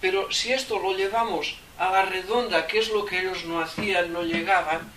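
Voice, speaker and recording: This man talks at a normal speed in a high, steady voice, his Catalan accent clear as he leads an informal theosophy lesson for a small group. He rambles, thinks aloud, and asks "¿eh?" again and again. The recording has faint noise from a distant mic.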